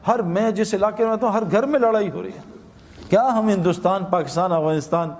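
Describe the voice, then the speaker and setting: A man's voice: high-pitched, darkish tone, in a large hall. A man giving a religious talk, telling stories and acting out quotes, repeating words for emphasis. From Pakistan. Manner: storytelling with acted quotes and repetition. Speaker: preacher.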